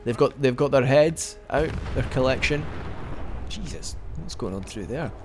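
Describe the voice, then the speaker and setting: Talking over music at a moderate pace, a young man with a medium, animated voice offers rambling let's play commentary on his game. He's casual and chatty, hiccuping now and then and often beginning his sentences again.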